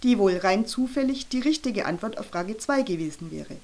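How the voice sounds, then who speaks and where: A woman's voice: medium pitch, animated, normal speed, a little mellow, lightly acted. A woman doing a grim, scolding teacher. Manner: hissing, grumbling, scolding.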